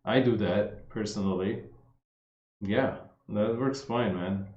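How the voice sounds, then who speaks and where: A man casually answering viewers' fitness questions on a livestream, relaxed and chatty, often saying "man" and "like". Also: fairly low pitch, slow pace, slight background noise. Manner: laid-back, says "man" and "like" a lot, reads questions aloud. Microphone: streaming setup. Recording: roomy, slightly dull livestream audio.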